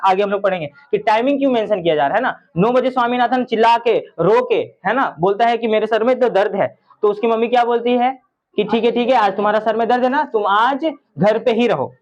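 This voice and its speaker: A man teaching an English story to a class, reading lines slowly and explaining them with questions to his students. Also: high-pitched, highs cut off.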